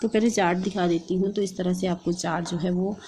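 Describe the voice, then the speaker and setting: A woman with a Hindi accent explaining a lesson plan step by step in a steady, instructive way, as a teacher-training vlogger. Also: on the low side, brisk, slight background noise. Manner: steady instructive delivery, reading out and dictating.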